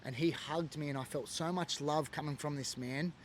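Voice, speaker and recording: Slightly high and steady in tone, the voice moves at a normal speed with a little hiss or hum in the background. An Australian man from Sydney, once a biker, shares his personal testimony earnestly and emotionally, full of fillers.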